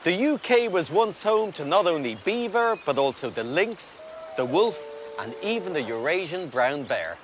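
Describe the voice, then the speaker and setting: A man's voice: on the high side, sing-song, normal speed, noisy background. A man presenting a wildlife magazine show as one of its hosts.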